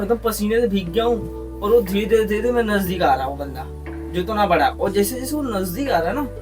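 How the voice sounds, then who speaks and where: A young man with a Mumbai Hindi accent telling a horror story on a podcast in a casual, slangy, animated way, full of crude humor. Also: high voice. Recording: distant mic with music behind.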